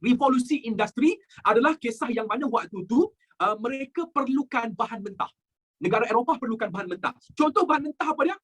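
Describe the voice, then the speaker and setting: A woman with a Malaysian accent, teaching a history lesson and going through exam practice questions. She quizzes her students in a lively way and drops English words into her talk. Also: fairly high pitch, fast, breathy edge.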